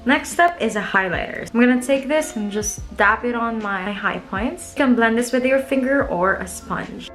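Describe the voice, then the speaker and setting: A woman's voice: on the high side, normal speed, few pauses, fairly bright tone, faint music behind. A young woman talking viewers through her makeup in a chatty, playful way, as a casual tutorial vlog. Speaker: makeup vlogger.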